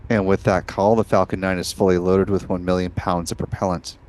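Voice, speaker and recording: Deep-voiced man hosting live launch commentary. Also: level tone, a little fast, darkish tone, a little hiss or hum. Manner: informative, orderly phrasing.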